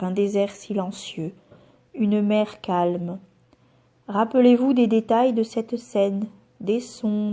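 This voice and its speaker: A medium-pitched woman guides a yoga nidra relaxation session, keeping her tone calm and soothing. She delivers measured instructions and leaves pauses between them.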